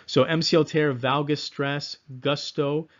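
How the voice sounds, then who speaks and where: A man's voice: a little high, little pitch movement, measured pace, muffled recording. A man giving a casual, self-deprecating exam-prep lecture, repeating mnemonics with frequent ums. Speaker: exam review instructor.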